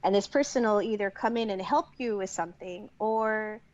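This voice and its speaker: A woman co-hosting a podcast, explaining ideas in a relaxed, chatty way. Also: medium pitch, normal speed, muffled recording. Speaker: podcast co-host. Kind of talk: casual podcast chat.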